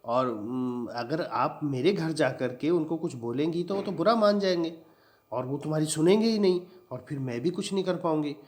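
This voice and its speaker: A man's voice: a little high, moderate pace, a little mellow, voice pushed up, lightly acted. Male teacher reading as a nervous, meek housewife in a lesson, hesitant and pleading. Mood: flustered. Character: timid, meek middle-aged housewife.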